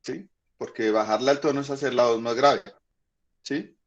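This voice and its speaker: A man teaching a high school physics class online, patiently explaining and checking in with the students often. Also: steady tone, moderate pace, muffled recording.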